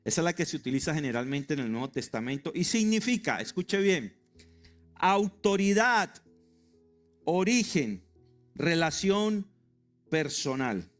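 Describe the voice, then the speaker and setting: A man's voice: fairly high pitch, sing-song, unhurried, pauses often, soft background music. A middle-aged man preaching a sermon to his congregation, emphatic and joking, spelling out words for them. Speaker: pastor. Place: church sanctuary.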